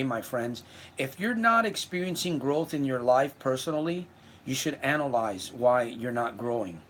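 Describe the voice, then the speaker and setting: A fairly high-pitched man in his fifties from Puerto Rico gives an earnest self-help livestream talk, responding to viewer comments and often repeating words as he goes. There's a little hiss or hum in the audio.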